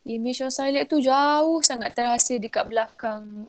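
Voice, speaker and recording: A woman works through a physics problem for her class, her voice sitting a little on the high side. She switches freely between Malay and English and keeps checking that her students are following. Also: normal speed. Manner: mixes Malay and English, checks in with "okey?" often. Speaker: lecturer. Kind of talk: online physics tutorial.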